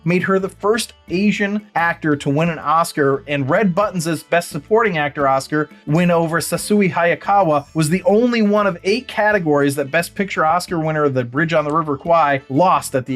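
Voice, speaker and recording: A man's voice: fairly high pitch, a little fast, hardly any pauses, soft background music. A man hosting a movie review podcast, talking casually with wry asides. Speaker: podcast host.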